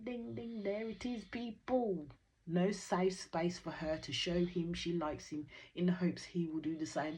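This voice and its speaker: A woman with a deep, low voice talks through a reality episode. Her delivery is casual, opinionated and full of slang and sarcastic asides. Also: a little mellow. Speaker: reality TV reaction host. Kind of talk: casual recap commentary.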